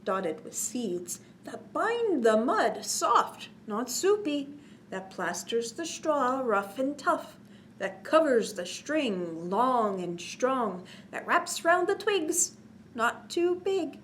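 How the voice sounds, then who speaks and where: Pausing to explain and to ask the children questions, a woman reads a picture book aloud in an expressive, sing-song style during story time. Her voice sits high, and slight background noise is present.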